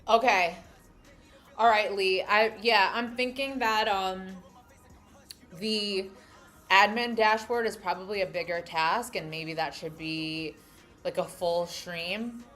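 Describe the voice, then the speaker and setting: A young adult woman from New York City, speaking with a New York accent, hosts a livestream and chats casually with viewers, thinking aloud as she reads their comments. Her voice is medium in pitch, slow and a bit bright, with faint music in the background.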